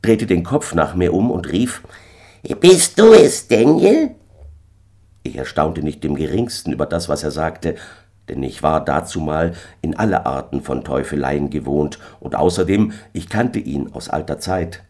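A man narrating an old-fashioned tale in an expressive storytelling manner. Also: very deep voice, normal speed. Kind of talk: storybook reading.

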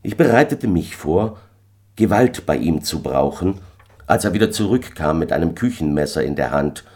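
A man narrating an old-fashioned tale in an expressive storytelling manner. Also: sits low, normal speed. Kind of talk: storybook reading.

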